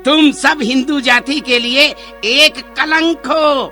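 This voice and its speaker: A man plays a haughty temple priest with a very high, piercing, bright voice, all contempt and commands. The scene is a staged street play, with faint music behind him. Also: steady tone, takes it slowly, heavily acted. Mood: scornful. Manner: contemptuous, commanding, tuts in disgust.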